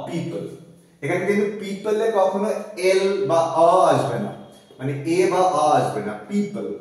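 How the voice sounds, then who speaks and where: Sounding a little high and slightly mellow, a man teaches phonetic transcription of English live, sounding out each word piece by piece and repeating it. The room is echoey and he is far from the microphone.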